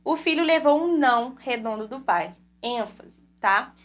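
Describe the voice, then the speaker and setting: A woman's voice: high-pitched, expressive, measured pace. A young woman, teaching a grammar lecture for exam prep. She explains point by point and keeps checking in with her students. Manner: explains step by step with frequent tag questions. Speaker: Portuguese teacher.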